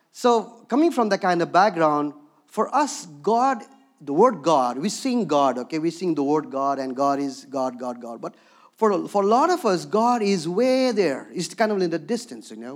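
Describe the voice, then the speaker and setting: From Darjeeling, India, and of Bhutanese background, this higher-voiced preacher speaks with a Himalayan accent. He delivers a sermon built around personal stories. His style is conversational, with frequent "okay?" check-ins to the audience.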